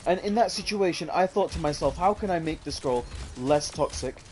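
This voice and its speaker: Young man, higher voice, rambling casual storyteller, faint hiss behind. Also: expressive, moderate pace, a little mellow. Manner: rambling, fillers like "what's it called", says "bro". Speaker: gamer telling a story.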